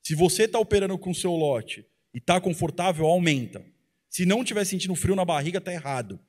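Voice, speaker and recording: A man's voice: high-pitched, lively intonation, brisk. A man in his thirties speaking bluntly and pushily to a conference crowd through a handheld mic. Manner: blunt, pushy, colloquial. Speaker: trader and co-presenter. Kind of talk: motivational talk on stage. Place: large conference hall with audience.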